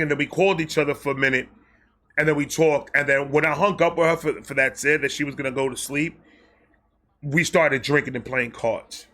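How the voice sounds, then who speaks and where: Bright, forceful-voiced man telling a story. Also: on the high side. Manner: animated, profane and self-mocking, with frequent restarts and repeated phrases. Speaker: storytime vlog host. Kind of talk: casual personal storytelling to camera.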